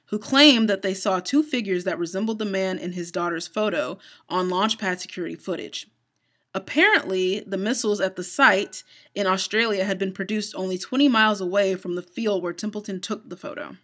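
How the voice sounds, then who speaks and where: A woman's voice: mid-range voice, brisk, fairly bright tone. A woman co-hosting a casual podcast, narrating paranormal stories from her notes with small stumbles and easy laughs. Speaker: co-host.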